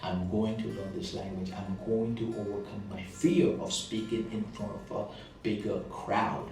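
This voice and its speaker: This non-native English speaker, a motivational speaker with a thick Indian accent, earnestly recounts his past struggles and repeats phrases for emphasis. He speaks at normal speed in a lowish, fairly even voice with vocal fry. The mic is distant, the room very echoey, and soft guitar music plays underneath.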